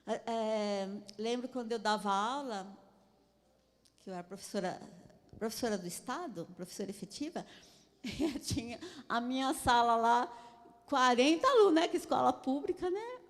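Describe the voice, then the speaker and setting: A woman with a Brazilian Portuguese accent gives a conversational sermon, sharing personal stories and checking in with her listeners for agreement. Her voice sits a little high, and she laughs often as she talks. A long reverb trails behind her, as in a large hall. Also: animated, moderate pace. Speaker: church speaker on parenting.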